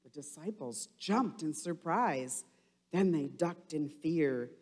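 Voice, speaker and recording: A woman's voice: deep voice, expressive, slow pace. A woman telling children a Bible story at church, talking to them in an encouraging way. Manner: warm, encouraging talk to young children. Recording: long hall reverb.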